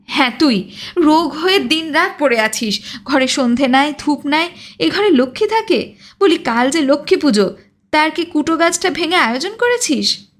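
A woman's voice: high-pitched, expressive, moderate pace, pitched above the performer's own voice. A woman voicing a proud, hot-tempered village blacksmith who scolds indignantly in a storybook reading. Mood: angry.

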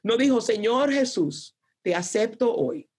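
A woman's voice: fairly high pitch, animated, unhurried, a little mellow, slightly rough. A woman giving an earnest, conversational devotional talk, acting out prayers with many restarts.

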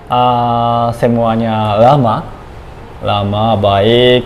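A young Japanese man speaking with a Japanese accent in a casual interview, pausing often to search for words. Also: medium pitch, level tone, slight background noise, rough recording. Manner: halting, searching for words, frequent fillers. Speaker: guest.

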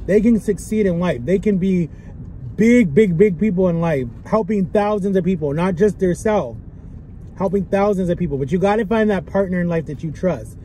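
A man's voice: high voice, normal speed, warm tone. A young man vlogging in casual chat to camera, talking earnestly and repeating his phrases. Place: sitting inside a car. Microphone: camera at dashboard distance. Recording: background noise inside a car.

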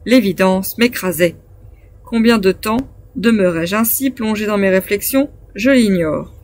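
Woman audiobook reader, mid-pitched, steady measured phrasing for a classic novel. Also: dry recording. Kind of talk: reading a classic novel aloud.

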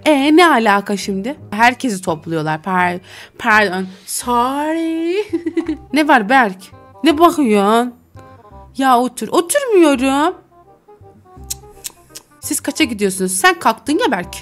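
A woman's voice: sits high, sing-song, takes it slowly, pauses often, faint music behind. A woman streamer giving casual, teasing commentary over a role-play game, often breaking into giggles. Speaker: gaming streamer.

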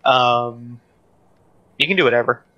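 A man's voice: mid-range voice, measured pace, dull audio. A man playing a tank game with a friend on stream, talking in a hesitant, casual way with many fillers. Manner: hesitant, lots of ums and restarts, flat delivery. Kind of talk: casual gaming chat.

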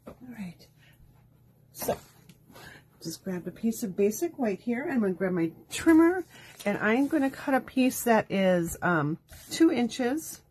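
A woman's voice: fairly high pitch, sing-song, a little slow, pauses often, a little mellow, slight background noise. A woman hosting a live crafting demo, talking chattily step by step while losing her voice. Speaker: craft show host. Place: home craft studio.

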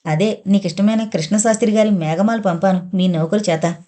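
Woman reading a soft, pleading young woman in love, mellow tone, audio novel. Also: medium pitch, a little fast, close to an everyday voice. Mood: light apologetic. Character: young woman, anxious devoted lover.

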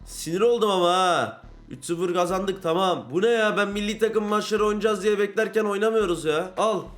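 A young man giving casual commentary on a football video game, getting frustrated, ranting and shouting at big plays. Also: sits high, fairly quick. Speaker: gaming YouTuber.

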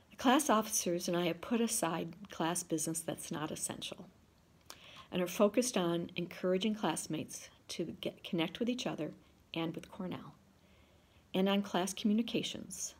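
A woman in her sixties, a class officer, giving measured prepared remarks over a video call from her living room. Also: lowish voice, a little mellow, slightly rough. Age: 60s. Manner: measured, reading from notes. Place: home living room, indoors. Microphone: video call, laptop camera.

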